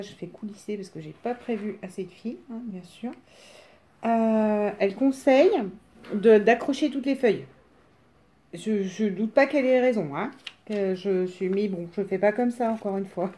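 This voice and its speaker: Mellow, raspy woman with a smoker's voice. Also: medium pitch, slight background noise. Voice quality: smoker's rasp. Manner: self-deprecating, rambling, chatty. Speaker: craft tutorial presenter. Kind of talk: casual unscripted craft demonstration.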